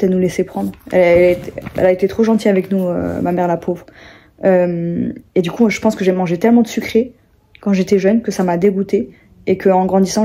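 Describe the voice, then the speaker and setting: A woman's voice: mid-range voice, warm tone. A young French woman vlogging in casual chat, rambling with many fillers and restarts, sleepy.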